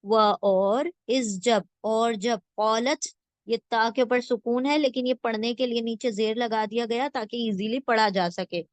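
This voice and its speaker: A woman teaching a word-by-word scripture translation lesson, slowly and patiently, repeating each word and checking that listeners follow. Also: on the high side, steady tone, no room sound. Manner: slow patient teaching, repeats words and asks "theek hai?".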